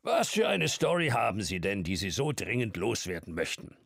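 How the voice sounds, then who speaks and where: A man voicing a very old, portly man who is bursting with energy and talks in a jovial, booming way. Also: sing-song, normal speed, gravelly, no room sound, studio quality, full character voice. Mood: teasing. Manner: booming, jovial, shouting over noise.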